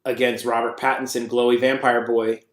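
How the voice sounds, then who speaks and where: A man co-hosting a casual podcast chat, animated and quick to break into mock screams. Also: medium pitch. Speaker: co-host. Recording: roomy echo.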